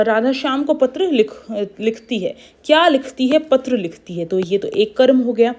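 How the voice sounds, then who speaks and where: Mellow-voiced woman teaching grammar. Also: fairly high pitch. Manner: explains step by step, repeating examples and asking herself questions. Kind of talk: exam-prep Hindi grammar lesson.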